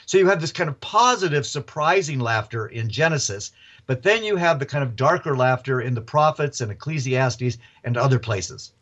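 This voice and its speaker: A man, an author and professor, telling stories as a radio interview guest in a lively, chuckling way. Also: medium pitch, normal speed, highs cut off.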